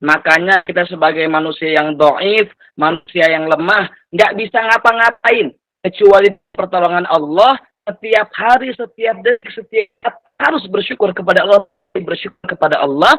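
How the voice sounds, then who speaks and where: A motivational speaker from Lampung, Indonesia, in his twenties, gives an earnest talk to an online community, repeating phrases and mixing in Islamic blessings. His voice is high and bright at normal speed. The recording is close, dry and rough, with no room sound.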